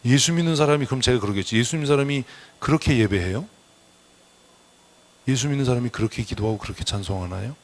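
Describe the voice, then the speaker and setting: A man's voice: mid-range voice, fast talker. Blunt scolding male pastor. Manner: blunt, scolding, calls for amen responses. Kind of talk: sermon. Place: church sanctuary.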